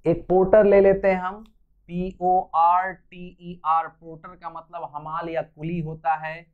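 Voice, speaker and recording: A man's voice: high-pitched, little pitch movement, slow, clear, resonant tone. A male English teacher lectures a class. He spells words out letter by letter and explains each point patiently. The recording sounds slightly dull and lo-fi.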